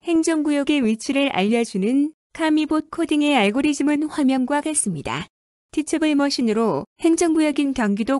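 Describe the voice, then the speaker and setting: A woman teacher giving a clear, scripted coding lesson narration. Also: sits high, no room sound, studio quality. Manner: clear, even, instructive.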